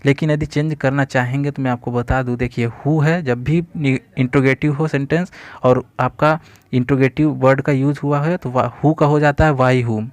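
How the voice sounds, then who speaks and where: Male tutor, mid-pitched, dry close recording, patient step-by-step explainer. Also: moderate pace, dry recording. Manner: steady explanatory teaching, addresses viewers as friends, frequent "theek hai" check-ins. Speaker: exam-prep teacher. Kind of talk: explaining English grammar quiz answers.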